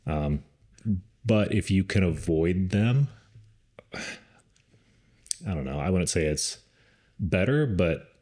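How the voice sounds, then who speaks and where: Deep-voiced man chatting casually. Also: slow, pauses often. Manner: relaxed, rambling with many fillers. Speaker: podcast co-host, dog rescue trainer. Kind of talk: casual conversational advice.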